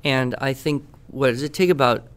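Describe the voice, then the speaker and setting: A middle-aged man with an American accent talks as an expert on a podcast, in an ordinary male pitch at a moderate pace. He speaks conversationally, with enthusiasm and emphasis, like a teacher promoting a useful tool in a product talk.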